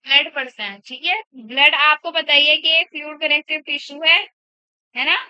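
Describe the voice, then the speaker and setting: A woman's voice: sits high, steady tone, normal speed, sharp tone, dry recording. A woman biology teacher lecturing in a classroom, asking the class questions and repeating their answers back, in a dull lo-fi recording. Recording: dull lo-fi sound.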